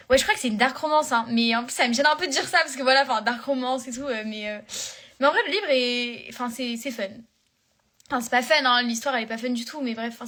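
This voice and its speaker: A woman's voice: a little high, a bit bright. A young woman chatting casually on a live stream, rambling with many fillers and restarts. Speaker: live-stream host answering fans.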